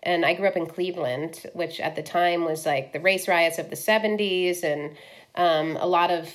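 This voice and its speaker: This is a woman in her fifties who grew up in Ohio, a film director being interviewed. She speaks in a somewhat low voice, candid and loose, with frequent ums and likes as she thinks aloud. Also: normal speed. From Ohio, US Midwest. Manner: frank, lots of likes and ums.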